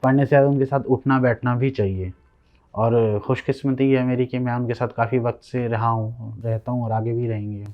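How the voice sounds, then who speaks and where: Male poet guest from Himachal Pradesh, mid pitch, soft-spoken and halting, dull muffled recording. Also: fairly even intonation. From Himachal Pradesh, India. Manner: soft-spoken, hesitant, trails off and pauses often. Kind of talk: reflective interview answers.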